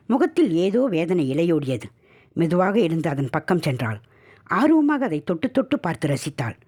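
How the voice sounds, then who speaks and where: A woman narrating a scripted horror story in an expressive storytelling manner. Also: sits low, husky.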